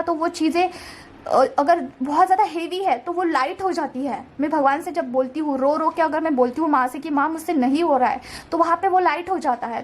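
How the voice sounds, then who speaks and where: A young woman giving a casual, reassuring tarot card reading, mixing English words into her Hindi. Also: very high-pitched. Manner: gentle, reassuring, keeps saying "theek hai".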